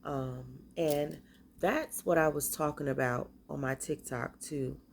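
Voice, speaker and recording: A woman with a stuffy cold casually shows off the spiritual bath and body products she makes, speaking haltingly and hesitantly. Her voice is low and creaky with fairly even intonation, over slight background noise.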